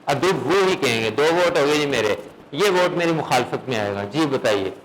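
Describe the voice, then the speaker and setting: A man teaching a recitation class who keeps putting questions to his students, often checks with "okay?", and drills the sounds slowly, one at a time. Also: mid-range voice, expressive, a little hiss or hum, poor audio.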